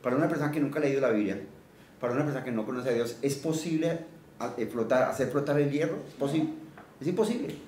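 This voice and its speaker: Heard from afar in an echoing room with faint background noise, a man preaches a teaching sermon: he reads scripture, explains it simply, questions his listeners, and has them echo lines after him. His voice is medium-pitched and a little mellow, and his pace is quick.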